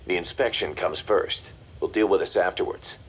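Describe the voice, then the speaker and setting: An actor playing a mercenary second-in-command in a video game, briefing in a confident, matter-of-fact, commanding way. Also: male voice, deep voice, normal speed, breathy edge. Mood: hard-nosed. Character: brisk, hard-nosed male mercenary second-in-command. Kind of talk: video game voice acting, mission briefing dialogue.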